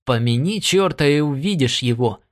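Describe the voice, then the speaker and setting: A man's voice: mid-range voice, normal speed, dry recording, clean studio sound, natural voice. A man doing a rowdy frog-faced spacer. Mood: amused. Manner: exclaiming, excited. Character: jolly boisterous Irish spacefarer man, frog-faced grin.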